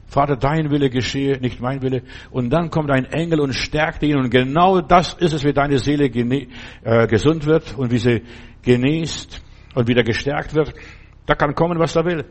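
A man's voice: on the high side, moderate pace. A man preaching a sermon, urging the listener directly and repeating his key phrases.

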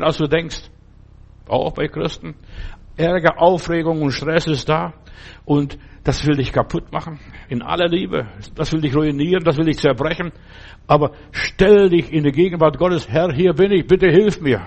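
A man preaching a sermon, urging the listener directly and repeating his key phrases. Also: on the high side.

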